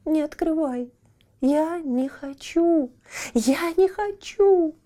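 A woman's voice: sits high, takes it slowly, warm tone, pitched above the performer's own voice. A woman voicing a frightened little girl who is crying and pleading in a children's audio tale. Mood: crying plea.

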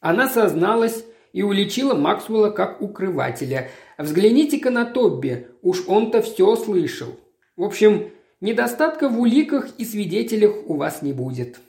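A woman reading as a calm earnest male writer. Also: mid-range voice, normal speed. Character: earnest male writer, compassionate then angry. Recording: roomy echo.

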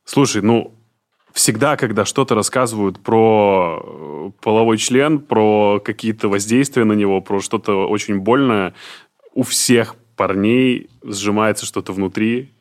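Young man hosting, curious and lowish. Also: measured pace. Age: late 20s. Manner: curious, probing questions, joking. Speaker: podcast host. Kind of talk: casual podcast interview.

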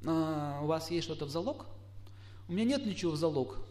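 Middle-aged guy with a high voice giving a talk, lively, acts out little quotes, throws questions at the room. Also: brisk. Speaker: astrologer lecturer. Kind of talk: lecture to a live audience.

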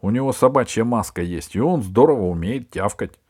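A man reading aloud who voices a cheerful, chatty schoolgirl in a raised, lively voice. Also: fairly low pitch, a little fast, slightly rough.

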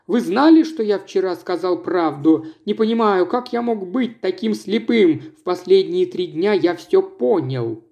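A man's voice: sits high, expressive, a little slow, gravelly, few pauses, warm tone, heavily acted. Ardent pleading husband, read by a man. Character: lovesick pleading husband, impulsive middle-aged man.

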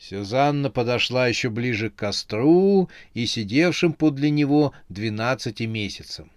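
A man's voice: mid-range voice, expressive, normal speed, no room sound. Guy reading a funny spooky tale, mid voice, dry close sound. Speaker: narrator. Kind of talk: storybook narration.

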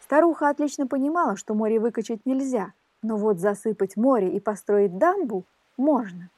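A woman reading a fairy tale aloud in a lively, animated storytelling manner. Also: a little high, normal speed, slightly rough, no room sound.

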